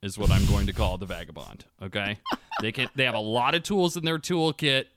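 A man's voice: lowish voice, a little fast, a bit bright, a little hiss or hum. A man hosting a casual game podcast, talking in an upbeat, loose way. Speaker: podcast host.

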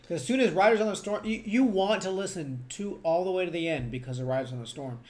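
A man's voice: sits high, fast talker. A young man in casual chat as a podcast co-host, tipsy after a few beers, blunt and swearing casually, with lots of "like".

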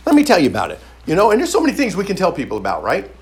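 Male preacher, lively storyteller, higher voice, repeats lines, stammers into restarts. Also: racing. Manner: animated, repeats phrases for emphasis. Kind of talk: storytelling sermon.

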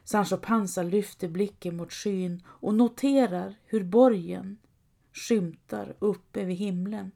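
A woman narrates a scripted story in a calm, measured way. Her voice is mellow and dark-toned. She reads at an even, unhurried pace. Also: mid-range voice, vocal fry.

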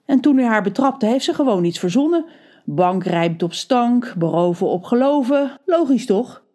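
A woman's voice: a little high, animated, moderate pace, dark tone, pitched above the performer's own voice, natural voice. A woman voicing a strict, dismissive middle-aged woman who manages a guru's estate. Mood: stern.

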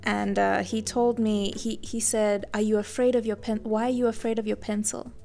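A woman's voice: medium pitch, flat delivery, moderate pace, vocal fry, warm tone, faint music behind. A young woman from Zambia, a guest artist, telling her story in a friendly, chatty way in a casual podcast interview.

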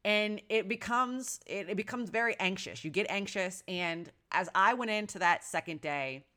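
A woman's voice: mid-range voice, normal speed, bright, forceful tone. A woman in her thirties, a mother telling a personal story in a casual, earnest and reflective way, often restarting her sentences. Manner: earnest, reflective, with frequent restarts and "you know". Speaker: mother sharing parenting experience.

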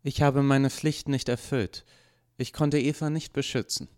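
A man reading as an earnest male android officer, speaking calmly and formally in a storybook. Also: medium pitch, unhurried, smooth, voice pushed up, natural voice. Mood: grave.

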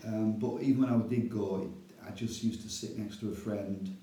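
Middle-aged Northern English man, church elder guest, low mellow voice, chatty storyteller. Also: fairly even intonation, moderate pace, echoey room, rough recording. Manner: chatty, self-deprecating, laughs often. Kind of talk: casual storytelling interview.

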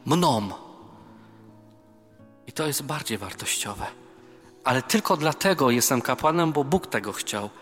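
A man's voice: medium pitch, expressive, moderate pace, a bit bright. A man, a priest, giving a conversational youth retreat sermon, mixing scripture with self-deprecating personal stories in a large chapel hall. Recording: reverberant hall with faint music.

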